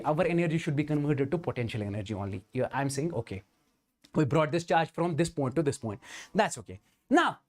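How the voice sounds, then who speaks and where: A male physics teacher, giving an exam-prep lecture and checking in often with students. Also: high-pitched. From India. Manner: addresses students directly, keeps asking "understand?"; voices the students' replies as "Sir, ...".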